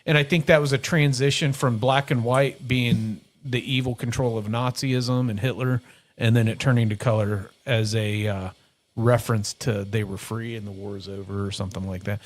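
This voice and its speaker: A man's voice: medium pitch, moderate pace. A middle-aged man hosting a casual podcast, rambling and correcting himself, with easy laughs. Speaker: podcast host. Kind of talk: casual chat.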